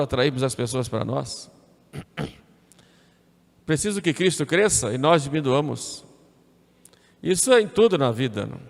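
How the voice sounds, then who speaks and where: A man's voice: a little high, gravelly. A male priest delivering a homily in a conversational sermon style, repeating phrases and adding tag questions as he speaks. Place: church. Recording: echoey church with long reverb.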